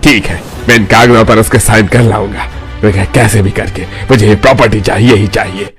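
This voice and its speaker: A man's voice: fairly low pitch, fairly even intonation, a little fast, a bit bright, soft background music. A greedy, harsh cartoon father. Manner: harsh, threatening. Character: greedy abusive middle-aged father. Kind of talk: animated family drama.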